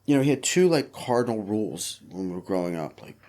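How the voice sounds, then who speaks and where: Low-leaning and fast, this middle-aged man is a guest on a podcast. His casual interview storytelling is animated, with quotes acted out and frequent cursing.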